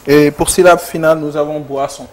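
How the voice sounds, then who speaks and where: A man with a Senegalese French accent, giving short measured answers as a contestant. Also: a little high, steady tone, darkish tone, poor audio. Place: TV studio.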